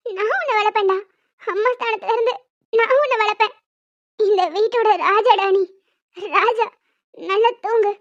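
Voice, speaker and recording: A woman voicing a young woman in a cartoon who cares for her baby nephew, cooing softly and growing tearful. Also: very high voice, no echo, dull audio. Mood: tender. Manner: tender cooing, turns to tearful panic. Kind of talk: cartoon voice acting.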